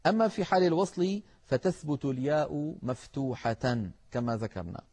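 A middle-aged man explains recitation rules as a scholar on a religious broadcast. His voice sits a little high, and he talks in a measured, patient way, turning to his viewers as he goes. He sounds like someone teaching a lesson. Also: expressive, a little mellow. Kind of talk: televised religious lesson with chanted verses.

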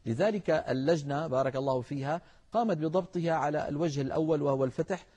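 A middle-aged man, a Quran recitation scholar giving a televised lesson in a measured, explanatory way and speaking straight to his viewers. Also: a little high, mellow, breathy edge. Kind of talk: televised religious lesson with chanted verses.

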